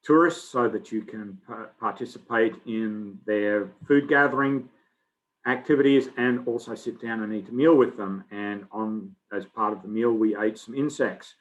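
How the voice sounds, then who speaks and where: A middle-aged man from Australia, giving a relaxed, conversational biology lecture full of fillers. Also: lowish voice, normal speed, dull audio. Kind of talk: recorded lecture.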